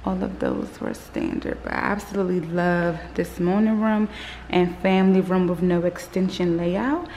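With a fairly low, sing-song voice that's creaky and darkish, a woman in her thirties vlogs casually at a moderate pace, rambling and using fillers. She holds her phone at arm's length in a parked car, later moving into an unfinished house, and slight background noise is present.

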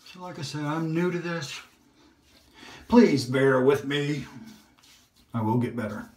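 A man's voice: fairly high pitch, a little slow, a little mellow. Guy rambling while he shaves, self-deprecating, roomy bathroom echo, faint hiss. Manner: rambling and self-deprecating, drops to whispers at times. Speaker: shaving vlogger. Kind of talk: casual narration while shaving. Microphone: phone or camera on a holder. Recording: roomy home recording.

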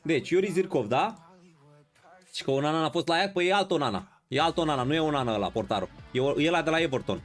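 Live-streaming a football video game, a man banters with his chat, greets viewers, and plays up mock outrage. His voice is fairly high-pitched and animated, with soft music playing in the background.

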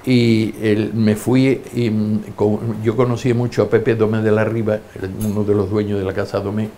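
A man's voice: lowish voice, normal speed, a little hiss or hum. An older man in an interview, telling his life stories and acting out the voices of people in them. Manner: lively anecdotes, acting out quoted voices. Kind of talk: storytelling interview.

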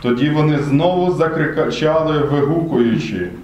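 A man narrating the Gospel Passion in a liturgical reading in church, in a steady reading cadence. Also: on the high side, normal speed. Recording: very echoey church room.

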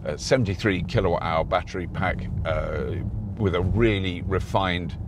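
A man's voice: deep voice, moderate pace. A middle-aged man hosting a car review, talking casually while he drives, rambling and restarting his sentences. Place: inside a moving car. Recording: road noise in a moving car.

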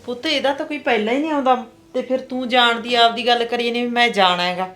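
A woman's voice: fairly high pitch, steady tone, fast. A woman with a Punjabi accent acting a kind, pleading aunt in a drama. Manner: gentle and pleading. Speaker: actress playing an aunt.

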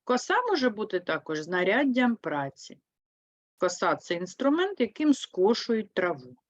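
A woman teaching an online lesson for third graders, with a Ukrainian accent, speaking slowly and clearly and putting lively stress on key words. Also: mid-range voice, dry recording, highs cut off. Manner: slow, clear, explains with lively emphasis. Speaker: primary school teacher.

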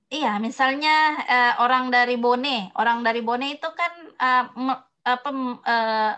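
A woman lecturer answering a student's question in a casual academic talk, pausing often with fillers and restarts, and giving spoken examples. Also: fairly high pitch, fairly even intonation, sharp tone, clear, resonant tone. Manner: hesitant, many fillers and restarts; explains slowly with spoken examples.

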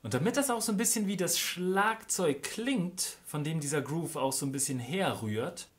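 A man teaching guitar strumming in a casual way, counting the beats aloud and stressing the accented counts. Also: on the high side. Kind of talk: casual instructional talk with counting. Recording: guitar playing under the voice. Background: acoustic guitar playing.

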